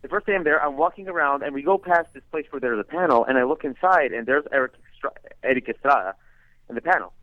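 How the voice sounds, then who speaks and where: A man calling into a show, telling a rambling deadpan story. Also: medium pitch, fast, no echo. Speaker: caller. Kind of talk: casual phone storytelling. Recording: lo-fi phone line.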